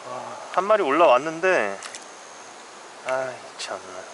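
Fly fishing alone on a shallow mountain stream, a man talks to himself wryly and wearily while filming on a head-mounted action camera, with stream noise behind. His mid-range voice is sing-song, slow, and a bit bright, and the recording is low quality.

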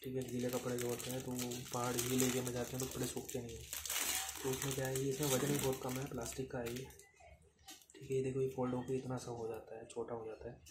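Speaking in a monotone, mid-range voice, a product reviewer unboxes camping gear without a script, counting the items aloud and repeating "theek hai" (ठीक है) to fill gaps. The indoor tiled room makes the recording echoey and noisy.

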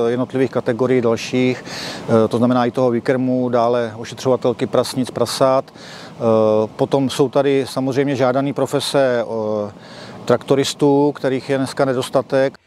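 An older man, a farm director, speaking in an interview outdoors in a farmyard, measured with hesitant pauses. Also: medium pitch, flat delivery, darkish tone, a little hiss or hum. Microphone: lapel mic.

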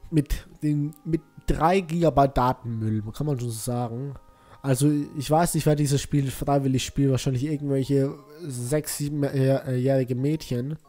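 A man's voice: mid-range voice, fairly even intonation, normal speed, dark tone, soft background music. A man giving mocking, exasperated commentary while playing a video game. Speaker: let's play commentator. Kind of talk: casual gameplay commentary.

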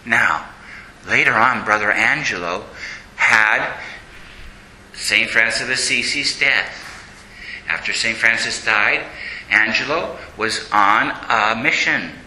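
A man, a priest, preaching a sermon and telling saint stories in a lively storytelling manner. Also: medium pitch, slow pace, long pauses, roomy sound, slight background noise, low-quality recording.

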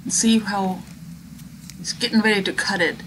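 A woman's voice: medium pitch, steady tone, moderate pace, a bit bright, poor audio. A woman instructor giving informal, conversational commentary over a demonstration video, speaking directly to her students. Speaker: biology instructor. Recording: clear background noise, video playing behind.

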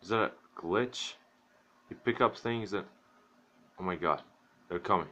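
Man, low voice, casual gaming chatter, crude jokes, gum in mouth. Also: unhurried, pushed and bright, lo-fi sound. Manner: swears, jokes and reads game text aloud, chewing gum. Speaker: gamer playing a horror game. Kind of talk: casual gameplay commentary.

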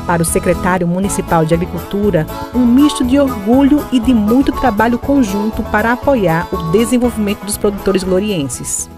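A woman TV reporter reads a scripted news voice-over. Her pitch is average for a woman, and loud music plays behind her. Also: normal speed, few pauses. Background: loud background music.

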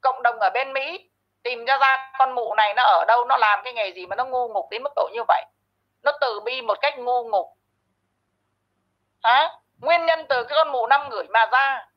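A woman's voice: a little high, moderate pace. A woman hosting her own channel, ranting and scolding someone who is not there in a harsh, insulting commentary monologue. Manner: scolding, insulting, addresses absent target directly. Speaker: channel host. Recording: muffled lo-fi audio.

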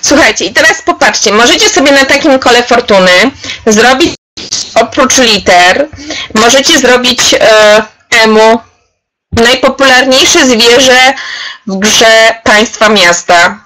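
A woman's voice: a little high, unhurried, pushed and bright, poor audio. A woman leading an online workshop for teachers, demonstrating an activity on screen. She is chatty and encouraging and calls participants by name. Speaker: trainer leading a webinar for teachers.

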